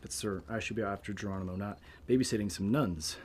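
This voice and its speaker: A man's voice: fairly low pitch, fast, a little hiss or hum, lightly acted. An actor playing an eager, indignant young cavalry lieutenant in a western film, clipped and formal as he protests his orders. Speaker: army lieutenant.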